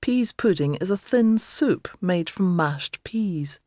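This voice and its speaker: Calm woman reading explanatory notes. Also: lowish voice, slow pace. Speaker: narrator. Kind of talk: scripted narration of notes.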